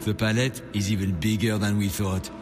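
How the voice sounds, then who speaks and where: A man with a French accent playing a heist explosives expert who shouts orders. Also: lowish voice, flat delivery, normal speed, big-room sound, music in the background, lightly acted. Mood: worried. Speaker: demolitions expert. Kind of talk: video game acting.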